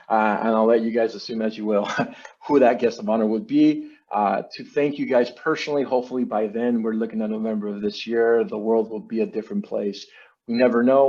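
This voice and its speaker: In a virtual meeting, a man who owns a marketing agency runs through a casual, salesy slide presentation full of business jargon. His voice is mid-range with a darkish tone. The online meeting audio is dull and lo-fi.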